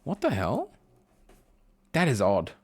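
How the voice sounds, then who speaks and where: A man's voice: mid-range voice, huge pitch swings, slow pace, husky, no echo. A man streaming and chatting casually with his viewers, reading their messages aloud. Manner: chatty, reads chat messages aloud, frequent fillers.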